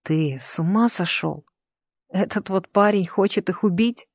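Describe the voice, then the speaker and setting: A woman's voice: mid-range voice, measured pace, husky, no room sound. A woman voicing a blunt, impatient young woman warrior in a voice close to her own. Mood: puzzled whisper. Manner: blunt, demanding.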